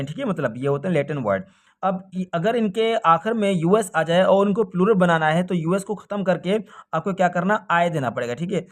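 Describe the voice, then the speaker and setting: A man teaching a recorded grammar lesson for an exam, asking questions and answering them himself. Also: high voice. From Pakistan. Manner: often ends points with a check-in "okay".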